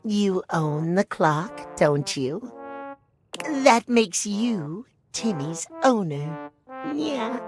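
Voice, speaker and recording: A woman's voice: fairly low pitch, animated, very slow. A woman voicing a sleepy, playful, catlike male clock spirit in a video game, drowsy and teasing. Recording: clear music underneath.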